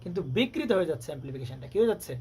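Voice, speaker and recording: Pitched high with big swings and a slightly mellow sound, this man's voice comes from an electronics tutor who rushes through his lecture, peppering students with rhetorical questions. Faint background noise can be heard.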